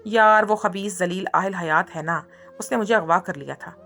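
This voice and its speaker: A woman's voice: fairly low pitch, normal speed, fairly bright tone, faint music behind. A woman voicing a feisty young woman who scolds and protests indignantly in a read-aloud story. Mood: complaining. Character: feisty young woman, sharp-tongued captive.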